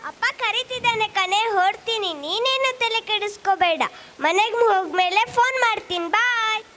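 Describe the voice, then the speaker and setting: A woman's voice: very high voice, moderate pace, pushed and bright, faint music behind. A girl playing a reassuring school friend. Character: comforting teenage girl friend. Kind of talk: amateur school stage drama.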